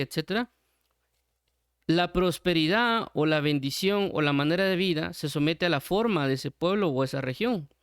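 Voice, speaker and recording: A man's voice: fairly high pitch, clean tone, no room sound. Guatemalan man preaching, dry close voice. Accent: Guatemalan Spanish. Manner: explanatory, repeats points with many restarts. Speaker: Bible teacher. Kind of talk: sermon.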